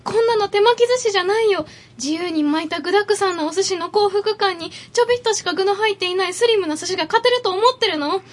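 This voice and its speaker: Brief: blunt, fed-up young woman at a party, voiced by a woman, very high and bright, in a radio skit. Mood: indignant. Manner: blunt, quick retorts. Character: exasperated young woman hosting a sushi party. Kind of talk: comic radio skit reading.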